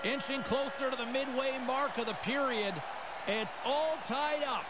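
A man voicing an excited play-by-play announcer in an ice hockey video game. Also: very high voice, unhurried. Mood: focused. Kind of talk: sports video game commentary. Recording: loud crowd and arena noise. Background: ice hockey crowd and rink sounds.

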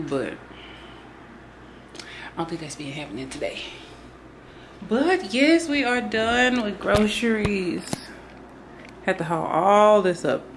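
A young woman chats slowly through a casual vlog, sounding worn out and speaking low and soft. She films herself on a handheld camera in her kitchen at home. Music plays clearly underneath her voice. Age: young adult. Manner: relaxed, tired, talks low and soft. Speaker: vlogger. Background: background music.

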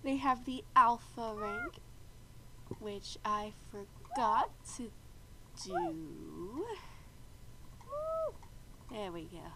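This video game host speaks extremely slowly and pauses often, in a mid-range voice left congested by a bad cold. She narrates gameplay casually, explains the rules in a chatty manner and clears her throat a lot, with steady noise in the background.

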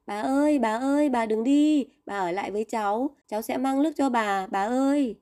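A woman's voice: on the high side, normal speed, a little mellow, close to an everyday voice. A woman voicing a remorseful young boy who urgently pleads with his grandmother. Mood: pleading.

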